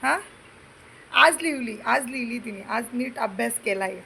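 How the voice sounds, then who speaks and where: A young woman talks to her daughter at home in a coaxing, playful way. Her voice sits high and bright, with some fry at the ends of phrases. It is a phone recording with a faint hiss underneath. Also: measured pace, rough recording. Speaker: mother filming her daughter. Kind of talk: casual home chat with a child. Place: home indoors.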